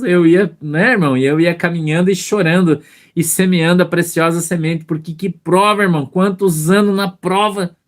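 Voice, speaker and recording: A middle-aged pastor preaching in a fairly high, lively voice. He tells stories about himself, voices both sides of his talks with God, and keeps turning to the congregation as "brother". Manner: storytelling, addresses listeners as brother, acts out dialogues. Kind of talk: sermon.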